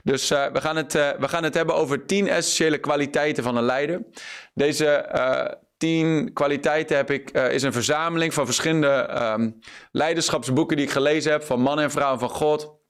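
A man's voice: a little high, fairly even intonation, brisk, smooth. A man preaching an online sermon as pastor, earnest and full of fillers and repeated words.

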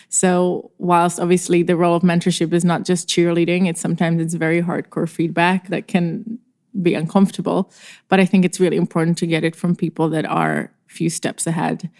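A woman's voice: fairly low pitch, a little mellow. A woman entrepreneur from the former Soviet Union, answering podcast interview questions in a thoughtful way, often restarting her phrases. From former Soviet Union, Czech. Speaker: entrepreneur guest.

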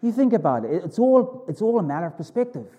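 A male preacher with a soft, mellow voice pitched a little high. He delivers his sermon conversationally, speaking informally to the congregation and repeating phrases to drive them home. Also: sing-song, fast talker. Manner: informal, conversational, with emphatic repetition.

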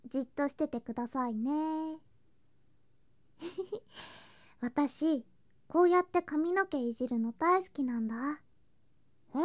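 In a Japanese ASMR situation drama, a woman voices a sweet, affectionate younger girl cousin. She speaks in a high voice, cutesy and clingy, with soft whispery touches.

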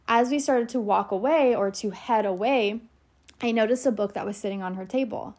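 A woman's voice: a little high, a little mellow. A woman working at a salon, telling a story to her viewers in a chatty vlog, with many fillers and asides. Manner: chatty, fast, with many "like" and "you know" fillers; talks straight to viewers. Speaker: salon worker.

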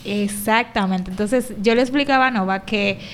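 A woman's voice: mid-range voice, moderate pace, a bit bright. A woman hosting and coaching, speaking directly and encouragingly to her audience. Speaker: host and coach. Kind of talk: casual coaching talk.

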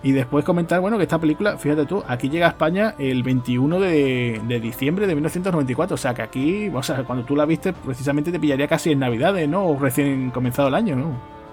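Slightly high-voiced guy chatting about movies on a podcast, faint music underneath. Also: quick pace, a little mellow. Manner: chatty, tags phrases with "¿no?". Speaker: podcast co-host. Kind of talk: casual film podcast chat.

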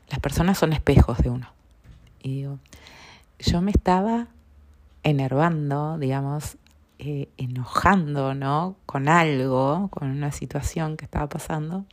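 A woman with a Rioplatense accent talks through a reflective podcast monologue in a low voice with a gravelly, fry-edged texture. She stays calm and unhurried and keeps asking the listener whether they follow. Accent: Rioplatense Spanish. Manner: calm, unhurried, often seeks agreement with tag questions. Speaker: podcast host.

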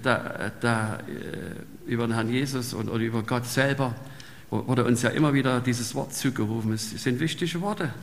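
Gravelly preacher man in a hall. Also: mid-range voice, normal speed. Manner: conversational, often tags sentences with "ne?". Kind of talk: sermon. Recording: long reverb in a large hall.

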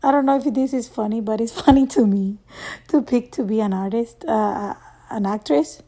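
She's an actress in her thirties, a Spanish native speaker from El Salvador with the local accent, delivering a stand-up monologue that stalls, restarts and breaks into chuckles between phrases. The voice is warm and fairly high-pitched.

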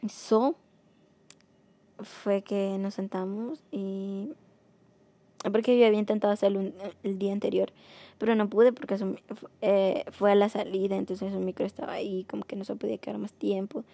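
A young woman telling a personal story in a casual, rambling way, with many fillers, mostly soft and subdued but rising when frustrated. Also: mid-range voice, level tone, normal speed, vocal fry, no room sound. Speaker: vlogger.

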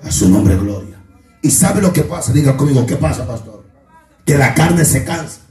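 A man preaches a sermon from a distance, his voice ringing around a roomy, echoing space while music plays softly behind. He leads the congregation in call-and-response, often rising into shouted, half-sung lines. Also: medium pitch, animated, moderate pace. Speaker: pastor. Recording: echoey room from far off, music behind.

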